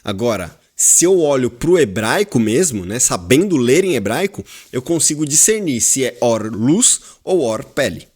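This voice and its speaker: Slow, lively-voiced Brazilian male teacher. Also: medium pitch, breathy edge. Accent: Brazilian Portuguese. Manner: explains slowly, repeats words, quizzes the class. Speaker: Hebrew teacher. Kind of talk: classroom lesson.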